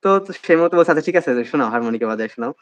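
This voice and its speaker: Speaking very fast and animatedly in a slightly high voice, a young man with a Bangladeshi Bengali accent describes his admission test as a guest in a casual interview, using many hesitant fillers.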